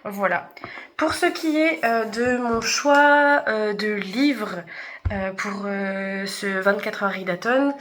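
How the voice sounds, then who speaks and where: A woman's voice: medium pitch, slow pace, a bit bright, slight background noise. A young woman chatting casually in a book vlog, hesitant with many fillers. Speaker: book vlogger.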